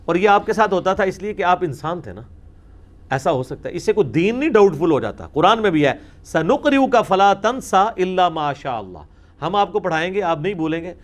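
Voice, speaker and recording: A man's voice: sits high, big pitch swings. Emphatic Pakistani man giving a lecture. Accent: Pakistani Urdu. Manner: explanatory, mixes English words into Urdu, emphatic and wry in places. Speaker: Islamic scholar answering questions. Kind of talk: religious Q&A lecture. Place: studio.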